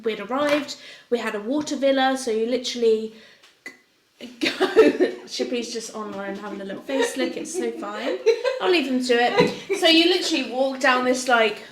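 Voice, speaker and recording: A woman's voice: high-pitched, moderate pace, a little hiss or hum. A young British woman telling stories casually in a gushing, informal way, as a podcast co-host. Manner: gushing, informal, with many "like" quotes. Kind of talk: casual chatty storytelling. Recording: roomy, echoing sound.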